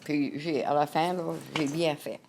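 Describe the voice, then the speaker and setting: An older woman telling a personal story in a slow, halting way. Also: low-pitched, steady tone, darkish tone, a little hiss or hum.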